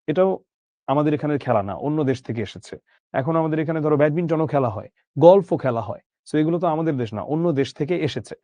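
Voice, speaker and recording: Teacher, mellow, lecturing. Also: male voice, fairly high pitch, dry recording. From Bangladesh. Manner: explains line by line, asks rhetorical questions, checks understanding. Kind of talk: explanatory lecture.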